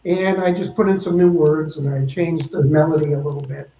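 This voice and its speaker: A man's voice: a little high, fairly even intonation, fairly quick, warm tone. Man with a heavy echo-chamber reverb. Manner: chatty, tells stories in loose restarts. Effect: heavy built-in reverb on his mic, like an old echo chamber. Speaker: guest musician. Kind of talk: casual chat on a live stream. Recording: echoey reverb-heavy home mic.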